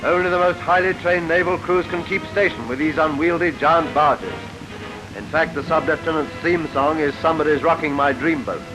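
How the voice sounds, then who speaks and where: A British newsreel narrator with a fairly high voice reads scripted wartime commentary at a normal speed, in a rousing, declamatory style. The rough recording is a vintage 1940s film soundtrack, with loud newsreel music behind him.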